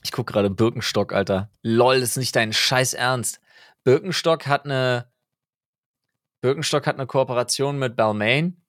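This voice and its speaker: A man's voice: mid-range voice, moderate pace, fairly bright tone, dry recording, studio quality. A man co-hosting a casual podcast, bantering in blunt, teasing, slangy speech. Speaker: podcast co-host.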